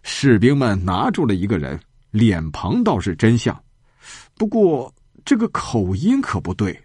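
A blunt, commanding general guarding a border pass, as a male storyteller plays him. The voice stays close to the teller's own mellow, husky tone. It is recorded dry and close. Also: lowish voice, big pitch swings, measured pace, no room sound, heavily acted. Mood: stern.

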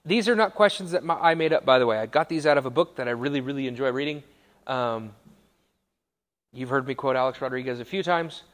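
A young adult man, a college pastor, giving a casual sermon to students, talking conversationally with quick self-corrections and asides. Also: medium pitch, fairly bright tone. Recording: long hall reverb.

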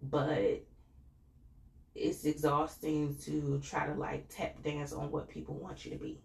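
A woman's voice: low-pitched, flat delivery, slow pace, creaky, darkish tone, roomy sound. A woman hosting a podcast, talking in a casual, slangy, chatty way with lots of fillers. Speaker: podcast host reviewing a reality show. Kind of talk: casual chat.

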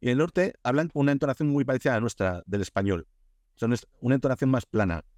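A man's voice: mid-range voice, fast talker, dry recording. Guy from spain on a podcast, castilian accent, rambling stories, dry close sound. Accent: Spain Spanish. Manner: animated storyteller, many restarts and fillers. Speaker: guest, Korea expert. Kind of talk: casual podcast interview.

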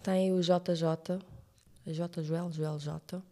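A young woman from Verde, speaking as a guest in a relaxed, reflective podcast interview. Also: on the low side, very slow. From Cape Verde. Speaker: guest, TV presenter.

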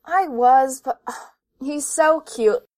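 A woman playing a firm but soft-hearted mother who talks in a practical way, a bit high. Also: takes it slowly.

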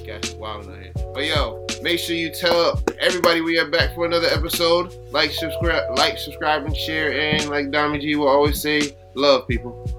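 A man's voice: a little high, normal speed, few pauses, music in the background. A man co-hosting a podcast, joking around in casual chat and closing out the episode. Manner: joking, playful sign-off. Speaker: podcast co-host.

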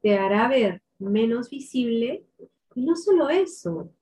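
A woman speaking as a voice and public speaking coach, giving numbered tips in a deliberate, clearly articulated way. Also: on the high side, animated, dark tone. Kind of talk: instructional tips to camera.

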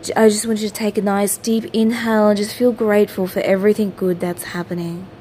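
A woman with a mid-range voice narrates a guided meditation. She is soothing and gentle, repeating soft instructions in a lulling way. Faint ambient noise sits behind her voice. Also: medium pitch, flat delivery, a little fast. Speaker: meditation teacher, host of a daily guided meditation.

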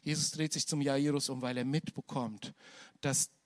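A man preaching a sermon, moving from soft, slow, hushed passages to loud, high, almost shouted climaxes. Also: little pitch movement, no echo, studio quality.

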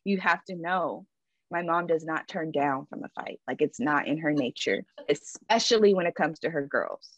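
A woman's voice: low voice, moderate pace, no echo, poor audio. A woman guest on a podcast, telling a personal story in a candid, emphatic way, often adding "like" and "right?".

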